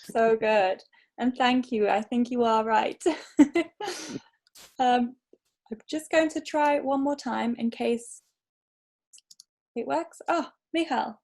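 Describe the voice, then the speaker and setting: A woman's voice: a little high, steady tone, takes it slowly, long pauses, a little mellow. A woman hosting a video call, encouraging her guests and laughing often. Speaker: host. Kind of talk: casual chat on a video call.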